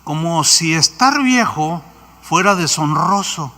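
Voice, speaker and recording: High, bright Mexican-accented preacher. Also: male voice, slow pace, in a large hall. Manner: animated storytelling, acts out quotes. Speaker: pastor. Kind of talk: sermon.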